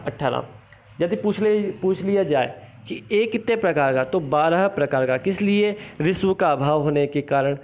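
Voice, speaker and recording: A male teacher, explaining a grammar lesson and repeating each point as a question he then answers. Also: high voice. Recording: slightly dull, lo-fi recording.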